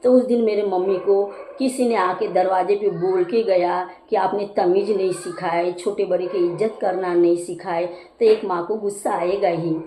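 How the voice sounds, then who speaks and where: A woman's voice: mid-range voice, steady tone, moderate pace, few pauses, mellow, echoey room, a little hiss or hum, poor audio. A woman vlogger telling a childhood story in a homely, chatty way, stopping to explain local words. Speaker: cooking channel vlogger. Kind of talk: casual personal storytelling.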